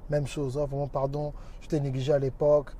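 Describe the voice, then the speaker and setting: A man's voice: medium pitch, monotone, brisk, dark tone, a little hiss or hum. A man talking on a casual livestream, preaching emphatically and greeting viewers by name as he goes. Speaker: minister and social media teacher.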